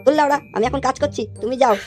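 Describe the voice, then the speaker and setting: A woman's voice: high-pitched, very fast, over music, lightly acted. A woman voicing a lazy, jobless young son in a cartoon who talks back and whines when scolded. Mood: cheeky.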